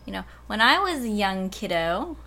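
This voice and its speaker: Bright-voiced woman librarian, chatty. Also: medium pitch, big pitch swings, normal speed. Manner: giggly, rambling. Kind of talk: casual chat.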